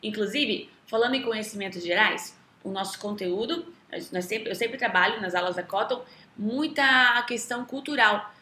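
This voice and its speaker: Chatty Brazilian woman with a bright voice. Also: mid-range voice, moderate pace, few pauses. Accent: Brazilian Portuguese. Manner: chatty, often tags sentences with a questioning aside. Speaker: English teacher. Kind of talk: casual talk to camera. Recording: roomy echo.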